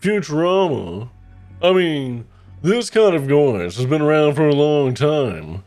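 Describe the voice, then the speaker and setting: A man's voice: a little high, very animated, slow pace, a little mellow, soft background music, pitched above the performer's own voice. A man voicing a pompous, bragging rich yacht owner with a toothy drawl from the side of his mouth. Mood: smug, pompous. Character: rich pompous yacht-owning snob, old-money braggart.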